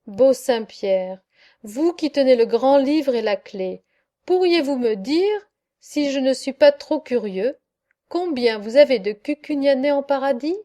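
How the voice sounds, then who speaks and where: A woman's voice: high-pitched, expressive, measured pace, mellow. A woman voicing a fretful village priest. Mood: pleading. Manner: pleading, fervent, easily alarmed. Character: anxious village priest, a middle-aged man.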